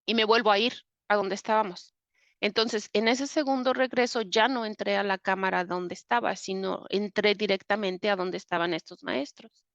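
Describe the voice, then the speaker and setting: Mexican woman guest, animated storyteller, lots of fillers, muffled dry recording. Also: mid-range voice, no room sound. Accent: Mexican Spanish. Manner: vivid retelling with many fillers. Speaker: interview guest. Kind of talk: personal storytelling.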